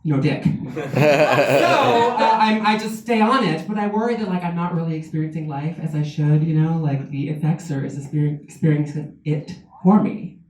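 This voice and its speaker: A man with a higher-than-average voice does stand-up at a benefit event, speaking at a moderate pace. His humor is confessional and self-mocking. Someone in the audience secretly taped it, so the sound is distant, echoey and very noisy.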